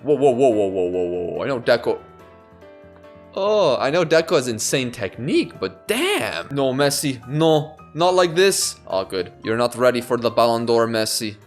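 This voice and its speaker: Animated young man yelling over football game. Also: mid-range voice, moderate pace, faint music behind. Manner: animated, yelling at players, swings from excited to muttering. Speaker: gaming YouTuber. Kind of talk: let's play commentary.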